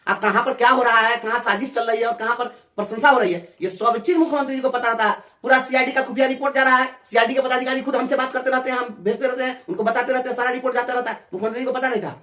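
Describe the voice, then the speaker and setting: A speaker from Bihar with a Bihari accent answers an interviewer at length. The voice is mid-pitched, fiery and mocking, and it piles up repeated phrases. The sound carries the ring of an echoey room. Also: steady tone, rapid-fire, few pauses, bright, forceful tone. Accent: Bihari Hindi. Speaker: teachers' representative.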